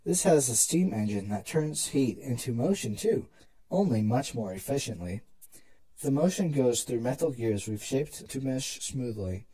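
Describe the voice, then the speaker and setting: Performer as elder pony princess: proud, protective, indulgent explainer with a mellow, swooping delivery for a fan fiction drama. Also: mid-range voice, expressive, a little slow, slightly rough, poor audio. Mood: proud explaining.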